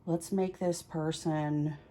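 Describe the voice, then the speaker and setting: Hosting a casual tarot vlog as part of her practice series, a woman with a slightly low, mellow voice talks very slowly and in a steady tone. She walks through each step in an informal, chatty manner, thinking aloud along the way.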